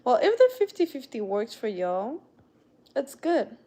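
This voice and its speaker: A slightly high, dark voice with big pitch swings and a measured pace belongs to a young woman hosting a casual livestream. She has a non-native English accent and welcomes viewers by name as she chats.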